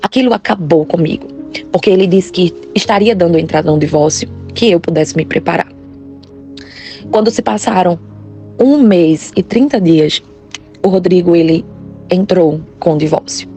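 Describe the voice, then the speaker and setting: A woman's voice: fairly low pitch, moderate pace, mellow, soft background music. A woman narrating a first-person testimony in an earnest, grave, confessional manner.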